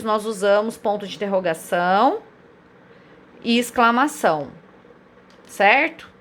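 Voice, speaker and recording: A woman's voice: fairly high pitch, a bit bright. A woman teacher giving a recorded lesson, explaining step by step and checking in with listeners often. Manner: explanatory, frequent "né?" and "olha só" check-ins; lists synonyms in a row.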